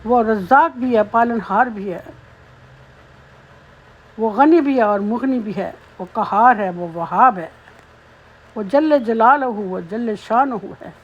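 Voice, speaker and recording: A woman teaching Quran recitation, patiently explaining pronunciation between slowly chanted verses. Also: fairly high pitch, animated, muffled recording. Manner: slow melodic chanting of verses, then patient spoken explanation. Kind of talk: tajweed lesson, recitation with explanation.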